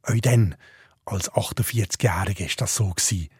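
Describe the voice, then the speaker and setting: A man with a Swiss German accent narrates a documentary report at a measured pace. His voice sits low and is very husky. The sound is dry and close. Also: no room sound. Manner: measured, descriptive.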